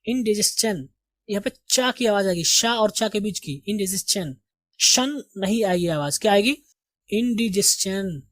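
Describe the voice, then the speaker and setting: A woman teaching English vocabulary, saying each word slowly and quizzing her learners on how to pronounce it. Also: medium pitch, lively intonation, dry recording. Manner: slow, deliberate pronunciation drills with quiz questions. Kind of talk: vocabulary lesson.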